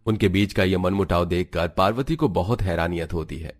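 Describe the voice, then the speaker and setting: Very deep-voiced male cartoon narrator. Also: fairly quick, a little hiss or hum. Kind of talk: scripted narration.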